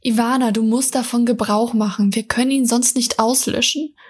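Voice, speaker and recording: A woman reading the lines of a cocky male assassin in a storybook, dry and mocking, with a breathy voice. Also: a little high, steady tone, normal speed. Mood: teasing.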